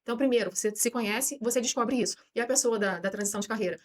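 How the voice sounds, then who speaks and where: A woman's voice: on the high side, racing, a little hiss or hum. A woman with a Brazilian Portuguese accent, a podcast guest explaining her views at length and acting out what people tell themselves. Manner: lively, voices imagined people's thoughts. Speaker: guest on self-knowledge podcast.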